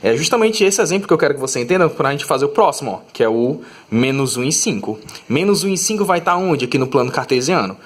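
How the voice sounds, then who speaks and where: A man's voice: fairly high pitch, big pitch swings, quick pace, few pauses. Male math teacher explaining step by step. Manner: explanatory, checks in with tag questions. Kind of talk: recorded classroom lesson.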